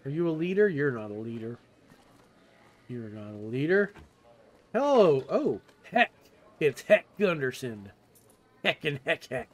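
A man's voice: mid-range voice, very animated, unhurried, long pauses. A man hosting a gameplay video, casually thinking aloud as he plays. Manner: thinks aloud, echoes game dialogue. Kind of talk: casual game commentary.

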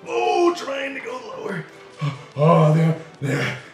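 Shivering, high-pitched man in an echoey bathroom. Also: wildly swooping pitch, slow pace. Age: young adult. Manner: shivering from cold, teeth-chattering, strained; exclamatory, yelping, agitated. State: freezing cold in an ice bath. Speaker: video host playing a game. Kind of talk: excited let's play commentary. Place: small tiled bathroom, in a bathtub. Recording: echoey bathroom, distant mic, faint music.

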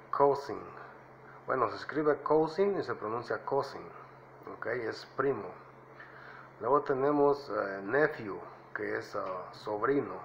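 A man hosting his own channel, explaining vocabulary in a relaxed way with frequent fillers and "ok?" checks. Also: fairly low pitch, highs cut off, a little hiss or hum. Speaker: English teacher and channel host. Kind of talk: casual lesson.

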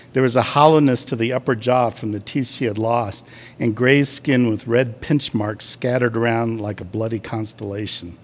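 A male author reading a passage from his own novel aloud. His voice sits at an ordinary middle pitch. His delivery is measured, with the odd hesitant filler.

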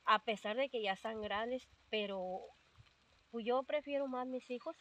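An older woman with a Mexican accent, being interviewed, tells her story casually and rambles with lots of fillers, quoting what other people said. Her voice is slightly high, slightly slow, and a bit bright.

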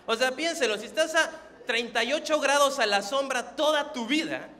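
A young man from Acapulco doing stand-up on a theater stage with a dry, deadpan, self-deprecating delivery. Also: extremely high pitch, moderate pace, in a large hall. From Acapulco, Mexico. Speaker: stand-up comedian. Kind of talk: stand-up comedy. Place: theater stage before a live audience.

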